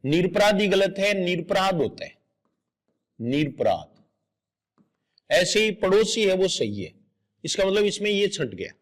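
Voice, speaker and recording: A man's voice: high voice, big pitch swings, measured pace, pauses often. A middle-aged man teaching exam grammar in a patient lecture, explaining step by step and repeating each correct word aloud.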